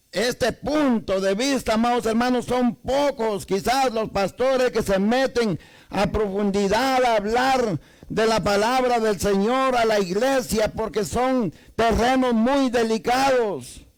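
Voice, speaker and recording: A man's voice: very high-pitched, slow, poor audio. A man preaching a sermon to a congregation with a Salvadoran Spanish accent, asking many rhetorical questions. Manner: rhetorical questions to the congregation, repeats "amados hermanos".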